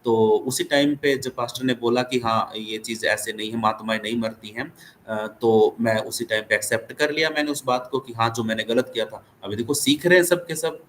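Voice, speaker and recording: A man's voice: medium pitch, a little fast, fairly bright tone, slight background noise. Earnest male pastor counseling a caller. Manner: earnest, encouraging, many tag questions. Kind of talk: pastoral counsel on an online call. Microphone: video call.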